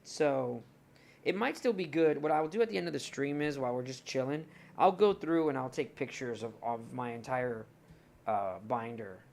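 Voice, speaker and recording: A man's voice: medium pitch, moderate pace, vocal fry, darkish tone. A young man streaming live, chatting casually and rambling to his viewers while he looks through his cards. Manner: rambling, chatty, talks to chat while browsing.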